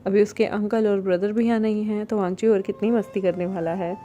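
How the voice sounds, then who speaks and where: Chatty woman storyteller, mellow voice. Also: medium pitch, a little fast, slight background noise. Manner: chatty, animated retelling with asides to listeners. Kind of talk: casual story retelling.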